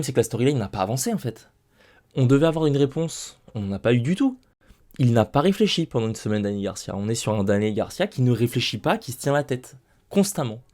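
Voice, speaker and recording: A man's voice: mid-range voice, darkish tone. A young man talking casually into a desk microphone at home, ranting emphatically and repeating his points. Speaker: wrestling recap youtuber. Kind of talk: casual spoken show recap.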